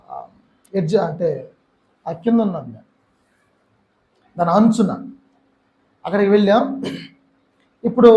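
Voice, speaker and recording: A man's voice: high voice, a little mellow, echoey room, highs cut off. A man from Andhra Pradesh with a Telugu accent, giving an emotional testimony sermon and slipping in English phrases. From Andhra Pradesh, India. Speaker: missionary speaker. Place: church hall.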